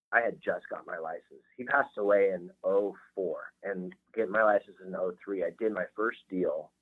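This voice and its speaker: A man telling a heartfelt story as a realtor guest on a podcast interview. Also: low-pitched. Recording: tinny phone-line sound.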